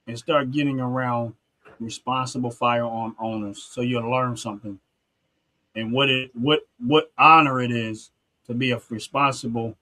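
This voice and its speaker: An earnest podcast host from North Philadelphia, USA, leads a casual talk show discussion in a medium-pitched, pushed, bright voice. He uses street-talk phrasing and restarts repeatedly.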